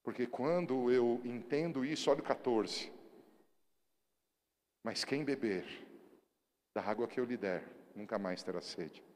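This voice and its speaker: A middle-aged Brazilian pastor preaches in a casual, heartfelt way, rising to loud outbursts. His voice sits at an ordinary middle pitch. The church hall around him rings with a long reverb. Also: unhurried, pauses often, slight background noise. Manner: emotional, conversational preaching that swells loud. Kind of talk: sermon.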